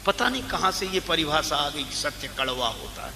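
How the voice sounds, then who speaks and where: A man's voice: on the high side, very animated, moderate pace, vocal fry, big-room sound, noisy background. A male preacher giving a devotional discourse, telling parables and reciting verse, rising emphatically at key points.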